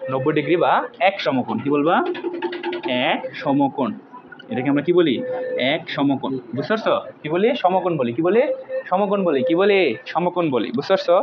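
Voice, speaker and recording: Young male math tutor, rapid, a bit high, quizzing and repeating answers, dull lo-fi recording with faint hiss. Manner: drills students with repeated call-and-response questions; jokey, informal and brotherly. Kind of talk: online math lesson.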